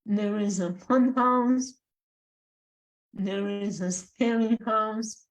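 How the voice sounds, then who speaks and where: A woman from Bulgaria with a Bulgarian accent, a guest speaking in a measured, halting way with long pauses. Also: medium pitch, poor audio. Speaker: guest, life coach and spiritual guide. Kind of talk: slow reflective interview talk.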